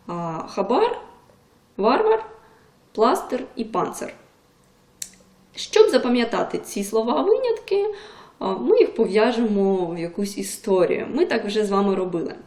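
Lively woman tutor, echoey room. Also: on the high side, moderate pace. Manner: lively, emphatic on example words. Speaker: video tutor. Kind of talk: explanatory lesson.

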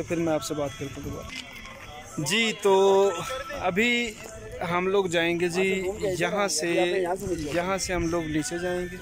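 A young man from Pakistan holding a phone at arm's length outdoors, talking to viewers in a chatty, promotional way as a travel vlogger and tour organizer. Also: on the high side. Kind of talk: selfie travel vlog. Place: outdoors by a road and on a hill trail. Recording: noisy outdoor phone recording.

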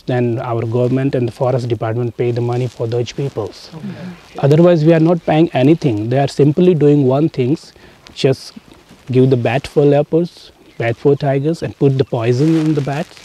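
Man, North Indian accent, native Hindi speaker, mellow tone, informal safari guide talk, irregular English grammar, faint outdoor noise. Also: mid-range voice, low-quality recording. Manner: non-native English with irregular grammar and repeated tag "you know". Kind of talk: informal explanatory talk to tourists. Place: outdoors in an open safari vehicle. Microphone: camera a short distance away.

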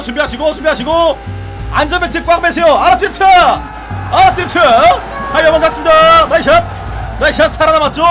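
High-voiced, fast-talking male gamer. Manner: playful, shouts at rival cars during races. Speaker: game YouTuber reviewing a car. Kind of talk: excited gameplay commentary. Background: background music and engine sounds.

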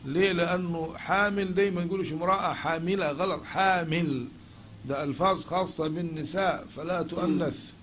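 A man's voice: on the high side, fairly bright tone, a little hiss or hum. A man with an Egyptian accent teaching a lecture, often asking questions and then answering them himself. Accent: Egyptian Arabic. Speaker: teacher of logic. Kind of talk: classroom lecture.

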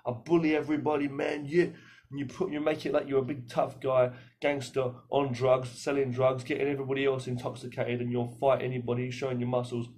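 A man's voice: medium pitch, little pitch movement, brisk, hardly any pauses, darkish tone, slight background noise. A man giving a blunt monologue to camera, swearing heavily and firing rhetorical questions at the listener. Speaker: vlogger.

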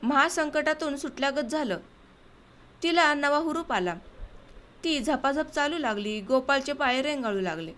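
Woman audiobook narrator, high pitch, steady measured storytelling.

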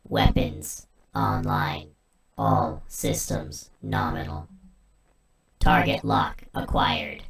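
A man voicing a robot through a pitch-shifting robot filter, reading flat clipped status reports. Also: creaky, reverberant, recorded from a distance, exaggerated voice, low-quality recording. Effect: robot filter, doubled and pitch-shifted.

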